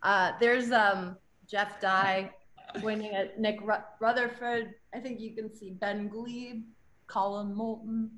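A woman's voice: mid-range voice, fairly even intonation, slow, a bit bright. A wry woman tells stories casually and laughs easily between lines. A faint hiss of noise sits under her voice on the video call. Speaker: guest comedian. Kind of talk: casual chat.

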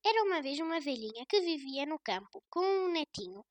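A woman with a European Portuguese accent reading a children's story aloud in a gentle storybook manner. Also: high voice, lively intonation, brisk, no echo.

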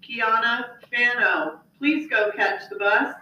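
A woman making a slow paging announcement over the intercom. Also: fairly high pitch. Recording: echoey distant dull loudspeaker, faint noise.

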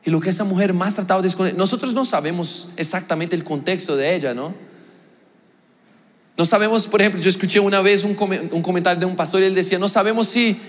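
A young adult man preaching a sermon as a pastor, telling a personal story earnestly, swinging between raised emphasis and quiet reflection. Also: sits high, quick pace, big-room sound.

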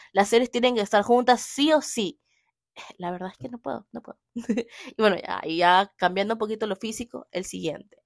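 A young woman talking about books in a casual, opinionated way, emphatic and animated, often repeating her points. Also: medium pitch, no room sound, clean studio sound. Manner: emphatic, animated, keeps repeating "así de simple". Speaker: book vlogger.

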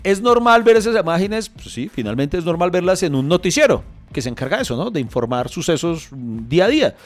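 Male Colombian co-host, casual banter, very animated intonation, somewhat raised pitch. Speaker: podcast co-host. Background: faint music.

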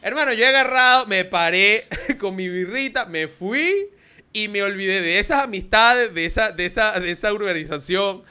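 A man in his thirties with a Venezuelan Spanish accent, co-hosting a casual podcast and telling stories in an animated way, laughing often. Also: high-pitched, normal speed, clear, resonant tone. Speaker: podcast co-host. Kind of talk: casual chat.

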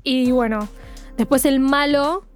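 A woman with a high, bright-toned voice talks through her points at an easy, explanatory pace, checking in with her co-host as she goes. Soft music plays faintly behind her. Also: steady tone, slow pace. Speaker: podcast co-host. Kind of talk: casual film discussion.

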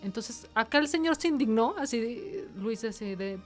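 A middle-aged woman with a Mexican accent, a radio host casually telling an animated anecdote and acting out quotes. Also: fairly high pitch, moderate pace, soft background music.

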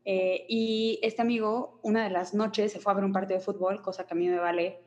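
A woman's voice: medium pitch, brisk. A woman with a Mexico City accent, chatting casually and telling an anecdote with quoted voices. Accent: Mexico City Spanish. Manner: chatty, slangy, expressive quoting. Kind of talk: casual storytelling chat.

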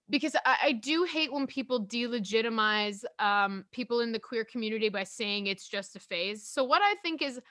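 A woman co-hosts a casual podcast, talking in an animated, rambling way full of fillers. Her voice is bright and forceful and sits fairly high, recorded close and dry with no room sound. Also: no room sound. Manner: chatty and animated, full of "like" and restarts. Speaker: podcast co-host.

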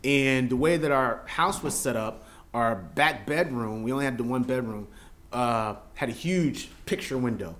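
A man from the Philadelphia area, a podcast guest telling stories in casual chat, animated and bursting into loud excited exclamations. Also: mid-range voice, normal speed, a little hiss or hum.

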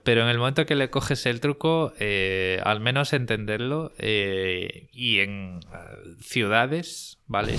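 A man's voice: lowish voice, fairly bright tone, clean tone. A man from Galicia with a Spanish accent, a guest explaining things in a casual interview, with plenty of fillers. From Galicia, Spain.

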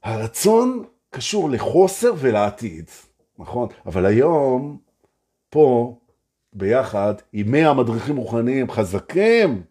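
A man leading a live motivational session as a spiritual teacher. His voice is very husky and breathy, with a mellow, warm tone. His pitch swings widely as he talks, and he repeats phrases in a playful way. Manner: animated, repetitive, playful. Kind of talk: live-streamed motivational talk.

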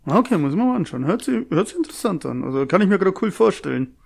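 A man's voice: high-pitched, big pitch swings, vocal fry, breathy edge. A man co-hosting a podcast who chats casually, chiming in with short reactions and questions. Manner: short interjections and questions, quick talker. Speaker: podcast co-host. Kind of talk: casual chat.

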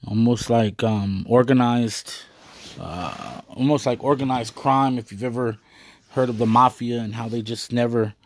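A man's voice: mid-range voice, measured pace, no room sound. A man giving a rambling, earnest monologue to his viewers, full of hesitations and fillers. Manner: earnest, proud.

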